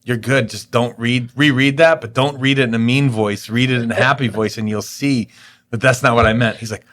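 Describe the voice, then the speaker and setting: A man's voice: medium pitch, fairly even intonation, brisk, a bit bright. A man co-hosting a podcast, chatting casually in a jokey, self-deprecating way and laughing as he talks. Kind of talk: casual chat.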